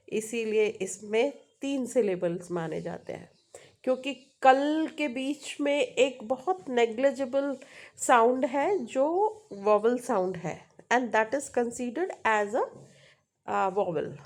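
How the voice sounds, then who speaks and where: A woman with an Indian accent teaching English, mixing in Hindi and drawing out example words slowly, often checking in with the viewer. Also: on the high side, darkish tone. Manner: slow, drawn-out pronunciation of example words; frequent "है ना?" check-ins to the viewer. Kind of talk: Hindi-English mixed lesson on syllables.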